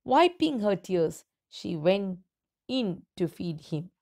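A woman teacher reads a story aloud at an unhurried, measured pace, stopping between phrases. Her voice sits at an ordinary middle pitch. She explains vocabulary patiently for her students. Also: big pitch swings, darkish tone. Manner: slow, deliberate, clear reading with pauses between phrases.

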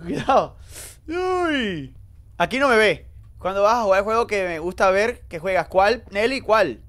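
A man commentating his live horror game stream, jumpy and excitable, talking to his chat. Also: high-pitched, normal speed.

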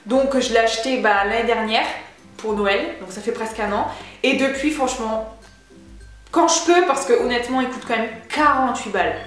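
A woman's voice: on the high side, moderate pace, fairly bright tone, heavy reverb, soft background music. A young woman chatting casually through a beauty haul vlog, slangy and enthusiastic. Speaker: beauty vlogger.

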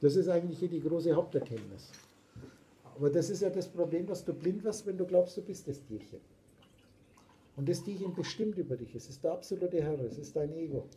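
Emphatic high-voiced German man, preachy. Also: animated, a little fast, mellow, rough recording. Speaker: spiritual teacher. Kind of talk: philosophical talk.

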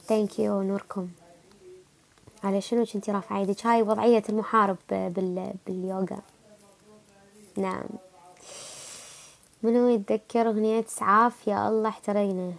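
Feeling unwell, this livestream host, a young Iraqi Arabic-accented woman, replies to viewer comments in an easygoing chat. She speaks at a moderate pace in a creaky, medium-pitched voice with little pitch movement and long pauses.

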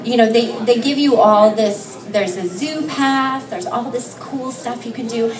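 A woman speaks on a bar stage in a slightly high, soft-spoken voice, caught by a distant camera. Echo fills the room and a crowd murmurs behind her. She pauses often with "um". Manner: soft-spoken, with many "um" fillers and light laughs. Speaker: guest telling her son's story. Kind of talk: on-stage interview. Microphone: handheld mic, far camera. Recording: echoey bar from far off, crowd noise. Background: crowd chatter.

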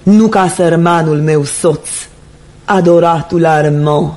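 An actress playing a vain, theatrical aging society widow in a studio radio play, grand and affected. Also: female voice, sits low, warm tone, natural voice. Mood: consoling, scheming. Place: recording studio.

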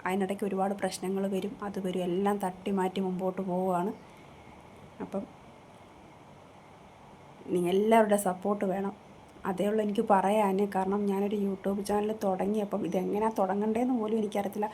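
A woman's voice: mid-range voice, flat delivery, a little fast, pauses often, warm tone, slight background noise. A woman vlogging in a casual chat from a room at home, talking into a phone she holds herself, earnest and rambling, going over the same points again and again. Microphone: phone held in her own hand.

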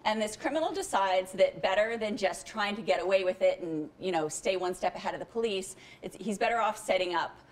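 A woman co-author at a bookstore event casually explaining her book's premise, relaxed and with occasional fillers. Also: mid-range voice, brisk, few pauses. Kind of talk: casual book summary.

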